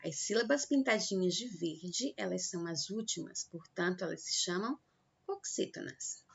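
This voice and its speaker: A Brazilian woman teaching a lesson to children, slow and patient, stretching out example words to show the stressed syllable. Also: on the low side, lively intonation, vocal fry, breathy edge. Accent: Brazilian Portuguese. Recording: dull lo-fi recording.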